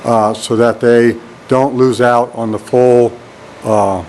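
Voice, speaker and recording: A networking instructor, filmed on a handheld camera mic as he strolls through an empty computer lab, leads a casual classroom tour. His deep voice is monotone and slow, with some rambling and frequent "all right"s, over a faint hum of air conditioning.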